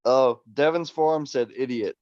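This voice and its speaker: A man's voice: medium pitch, normal speed, a little mellow, dry recording, dull audio. A man in casual chat, bluntly ribbing his friends with crude jokes.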